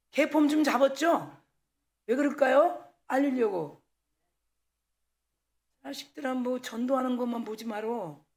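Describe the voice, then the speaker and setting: A woman pastor preaching a sermon at a church service, telling candid personal stories in a lively way and acting out the dialogue. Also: high-pitched. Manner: candid, animated storytelling with acted-out dialogue.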